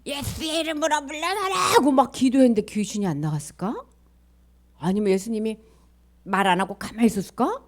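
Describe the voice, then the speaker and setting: A woman leading a children's sermon, telling a story in an animated way and asking the children questions. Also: mid-range voice, fairly quick, pauses often.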